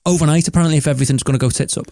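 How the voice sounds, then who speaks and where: A man's voice: a little high, racing, vocal fry, warm tone, no echo, clean studio sound. A man with a Liverpool accent co-hosting a podcast, telling rambling, sweary stories in casual chat. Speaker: podcast co-host.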